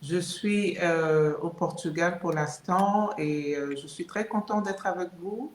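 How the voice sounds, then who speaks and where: A woman's voice: lowish voice, slow pace. Woman from Congo in an echoey room. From Democratic Republic of the Congo. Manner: hesitant, friendly. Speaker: panel guest. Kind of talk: self-introduction on a live stream. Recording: echoey room, faint noise.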